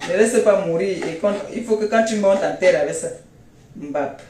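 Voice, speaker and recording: A woman's voice: medium pitch, normal speed, mellow, roomy sound, a little hiss or hum. Scolding Cameroonian woman ranting on a live stream. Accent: Cameroonian French. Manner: scolding, mocking, repetitive jabs. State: unwell, tired. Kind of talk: mocking live-stream rant. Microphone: phone on a live stream.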